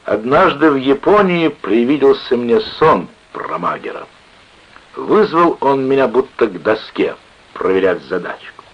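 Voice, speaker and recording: A man voicing a huge drunken sailor who bellows in a slurred, drawn-out way, on an old lo-fi radio recording. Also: medium pitch, very animated, voice pushed up. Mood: boastful storytelling.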